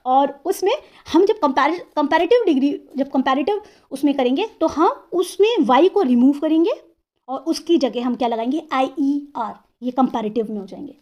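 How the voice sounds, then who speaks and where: A woman teacher explaining English grammar, asking herself questions and sounding out words slowly, syllable by syllable. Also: high voice, animated, darkish tone, highs cut off. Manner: asks and answers her own questions.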